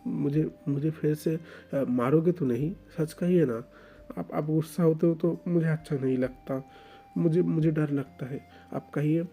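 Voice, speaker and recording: A man's voice: fairly high pitch, a little slow, mellow, faint music behind. A man voicing a timid, tearful young man who stammers and pleads in a whiny way. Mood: tearful pleading.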